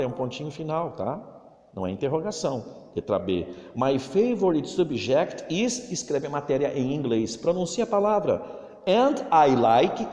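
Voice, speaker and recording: Brazilian male teacher, lively and explanatory, recorded remote lesson in a reverberant room. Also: medium pitch. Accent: Brazilian Portuguese. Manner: explains slowly, stretching English words to model pronunciation. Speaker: English teacher. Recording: echoey room with long reverb.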